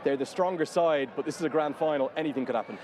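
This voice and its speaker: Male sports host, fast pace, slightly high pitch, conversational presenting, noisy outdoor venue. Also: a little mellow.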